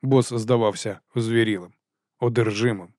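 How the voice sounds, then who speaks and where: In clean, dry studio sound, a man with a fairly low voice narrates a scripted audiobook. His storytelling stays measured and even throughout.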